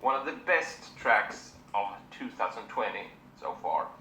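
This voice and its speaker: Bright-voiced man reviewing records. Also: lowish voice, sing-song, roomy sound, slight background noise, poor audio. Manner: plain, unhurried, with many fillers and restarts. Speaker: music reviewer.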